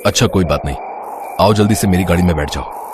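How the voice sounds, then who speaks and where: A man voicing a young police inspector in an animated story, brisk and reassuring. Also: low-pitched, slight background noise, lightly acted.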